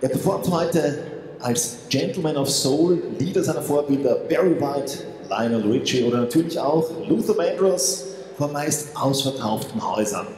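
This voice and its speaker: A man's voice: on the high side, normal speed, a little mellow. A man in his thirties presenting a show on stage from cue cards, speaking into a handheld microphone. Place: large hall, on stage. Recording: echoey hall PA with room noise.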